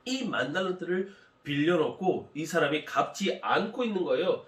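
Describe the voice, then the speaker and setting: A pastor telling a parable to children in an animated, explanatory storytelling manner. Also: male voice, on the high side, moderate pace. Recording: echoey room from far off.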